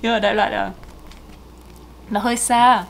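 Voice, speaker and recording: A woman's voice: medium pitch, level tone, moderate pace, gravelly, slight background noise. A woman, co-hosting and giving casual, chatty feedback on pronunciation. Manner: chatty, explains at length. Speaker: co-host correcting pronunciation.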